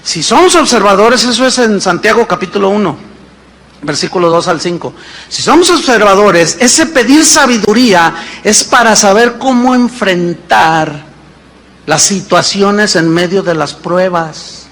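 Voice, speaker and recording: A man's voice: high voice, expressive, measured pace, fairly bright tone. A man, preaching a sermon as pastor, emphatic, with rhetorical questions and acted-out dialogues. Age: 50s.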